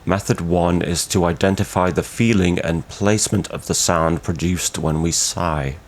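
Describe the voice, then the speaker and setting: Man, low pitch, scripted instructional narration, formal, explanatory, measured. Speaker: growling tutorial instructor.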